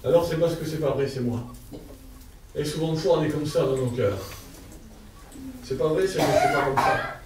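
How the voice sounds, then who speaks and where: A man's voice: a little high, moderate pace, pauses often, noisy background. A man preaching a heartfelt testimony sermon at a church service, with a stammer and simple, fervent speech. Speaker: lay preacher. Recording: distant echoey church hall sound.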